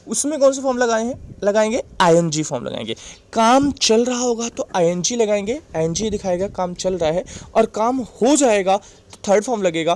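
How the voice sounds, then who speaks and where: A man with an Indian accent teaching English grammar in a patient, repetitive way, often pausing to ask if the class is following. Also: sits high. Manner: patient, repetitive, checks in with "right?". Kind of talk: classroom lesson explaining grammar.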